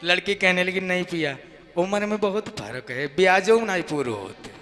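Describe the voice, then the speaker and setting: A man with a high, expressive voice tells a devotional folk story, mixing speech and long drawn-out song and voicing the quoted speakers as he narrates. The very noisy recording has long hall reverb with music behind.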